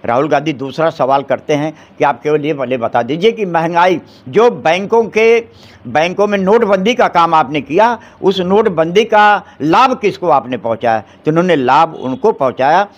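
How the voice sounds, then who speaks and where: Middle-aged guy, advocate in an interview, forceful, lots of rhetorical questions and restarts. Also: a little high, normal speed, highs cut off. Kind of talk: street interview, political opinion.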